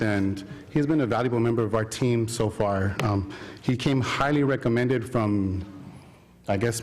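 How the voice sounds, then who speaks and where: A man introducing a new employee at a city council meeting, with light humor and a habit of clearing his throat. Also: mid-range voice. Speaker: city department supervisor.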